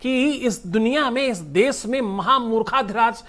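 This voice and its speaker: A man's voice: very high-pitched, measured pace, a bit bright. A middle-aged man, a religious guru, answering an interviewer in an emphatic, preaching way, firing rhetorical questions and scorning his critics.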